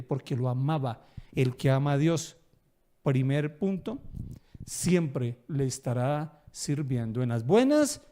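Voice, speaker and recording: Man, pastor, sermon, fairly high voice, storytelling with acted quotes, emphatic bursts. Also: mellow.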